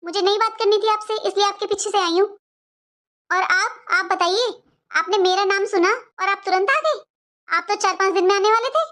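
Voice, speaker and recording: A woman's voice: extremely high pitch, moderate pace, fairly bright tone. Woman playing an outspoken, protective daughter. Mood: indignant. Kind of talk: family drama acting.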